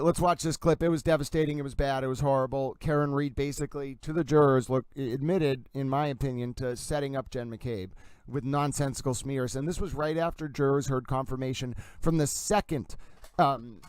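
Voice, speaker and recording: A man's voice: mid-range voice, darkish tone, no echo. A man hosting a livestream in a mock sports-commentary style, showy and emphatic, repeating catchphrases. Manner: showman-like, emphatic, repetitive catchphrases.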